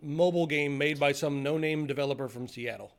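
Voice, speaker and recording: A man's voice: on the high side, a little fast. A man co-hosting a casual podcast chat, grumbling and opinionated, often trailing off. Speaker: podcast co-host.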